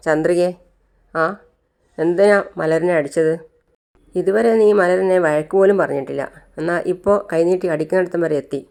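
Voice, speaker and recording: Narrator doing a kind uncle guy, gently coaxing, clear smooth voice. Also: sits high, fairly even intonation, normal speed, pauses often. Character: kind caring man, an uncle figure.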